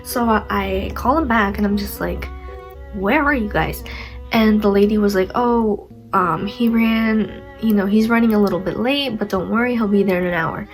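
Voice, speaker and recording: A young woman vlogger with a stuffy nose and a medium-pitched voice tells a story at normal speed, faint music behind her. It's a casual, rambling storytime, full of "like" and self-mocking remarks.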